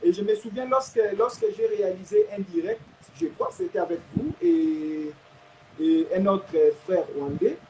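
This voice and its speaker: A man from Kinshasa with a Congolese French accent, speaking as a guest commentator in a halting way and often repeating words. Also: very high voice, sing-song, creaky, darkish tone, a little hiss or hum, low-quality recording.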